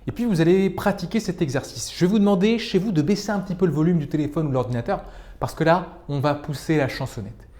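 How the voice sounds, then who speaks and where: Man, middle-aged, public speaking coach; somewhat high-pitched, expressive delivery that swings between slow and fast. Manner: expressive, demonstrates exercises with varied pace and volume. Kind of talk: video lesson.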